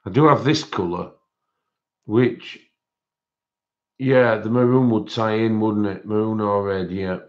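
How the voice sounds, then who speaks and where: A man with a fairly deep, steady voice hosts a casual livestream, chatting informally with viewers at a measured pace. He hesitates, thinks out loud, and pauses often, and the audio sounds dull and lo-fi.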